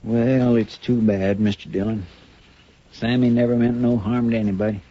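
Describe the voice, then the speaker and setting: A man's voice: medium pitch, little pitch movement, normal speed, close to an everyday voice. Folksy western deputy played by a man, muffled recording. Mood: regretful. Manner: plain, folksy, deferential. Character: earnest, folksy deputy sidekick to a marshal. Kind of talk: 1950s radio western acting. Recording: dull vintage radio recording.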